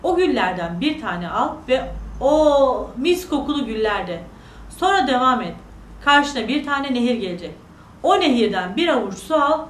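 A woman voicing a kind, wise old man who gives a boy slow, earnest instructions in a fairy tale. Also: high voice, sing-song, echoey room, slight background noise. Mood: instructive.

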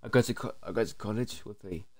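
A man's voice: lowish voice, fast, a little mellow. A young British man, an irritable raging gamer who swears as he rants on a livestream while gaming. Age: young adult. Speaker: video game streamer. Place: small bedroom, indoors. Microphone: gaming headset.

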